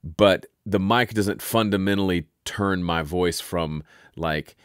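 A man with a deep, resonant voice hosting an audio software tutorial in a relaxed, chatty way. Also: a little slow, clear, resonant tone, dry recording, studio quality. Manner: relaxed, chatty, self-interrupting. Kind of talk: casual spoken tutorial.

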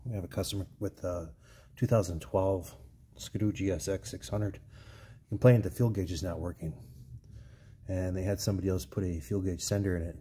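In his garage workshop, a man who repairs snowmobiles explains a fix one step at a time in a plain, practical way. His voice is low-pitched and warm, with slight background noise behind this hands-on repair tutorial.

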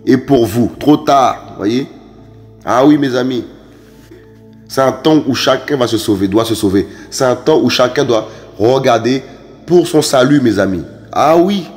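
A man preaching a sermon, emphatic and repetitive, often stammering through restarts and jumping to sharp high exclamations.

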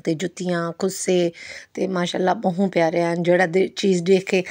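A woman's voice: fairly low pitch, flat delivery, brisk, a little mellow, dry recording, studio quality. A middle-aged woman, chatting casually in a rambling vlog voice-over with many fillers. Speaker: beauty parlour owner and vlogger.

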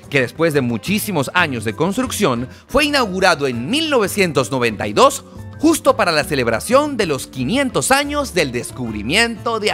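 Animated Venezuelan man teaching slang. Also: high voice. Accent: Venezuelan Spanish. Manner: animated, playful, acts out phrases for the viewer to repeat. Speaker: travel vlogger. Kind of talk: travel vlog narration and teaching slang.

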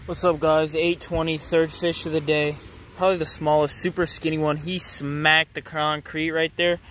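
A young fishing vlogger talks to viewers between catches at the edge of a city pond, filming on a phone held in his hand. His slightly high, fairly flat voice comes at a moderate pace, relaxed, casual and upbeat. Faint traffic noise hums beneath him.

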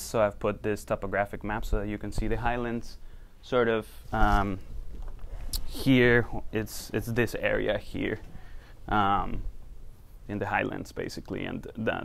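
A man's voice: lowish voice, vocal fry, fairly bright tone. A man from Costa Rica presenting his research to a small audience in a lecture room, loose and conversational with many fillers. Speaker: university researcher giving a talk.

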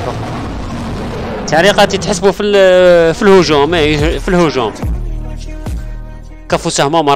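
Man, Algerian Arabic accent, gaming livestream host, very fast, fairly high voice, repeats himself, faint game music behind. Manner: rapid-fire, repeats phrases over and over, excitable. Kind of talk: live-stream game commentary, thanking viewers.

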